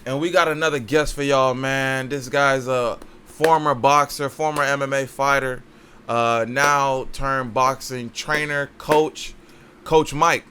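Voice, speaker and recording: A man's voice: mid-range voice, steady tone, measured pace, pushed and bright, slight background noise. A man hosting a casual podcast, upbeat and friendly with slang. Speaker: podcast host.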